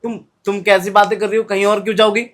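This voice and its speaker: A woman's voice: medium pitch, little pitch movement, quick pace, lightly acted. A woman playing a young husband caught cheating, who defends himself and begs forgiveness in a comic family skit. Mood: pleading. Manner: defensive, wheedling, pleading.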